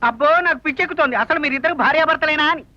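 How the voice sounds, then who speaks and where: An actor playing a fussy, easily flustered census officer who talks in a fast, exasperated way. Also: male voice, very high-pitched, pushed and bright, no echo, full character voice. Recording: dull dry film soundtrack.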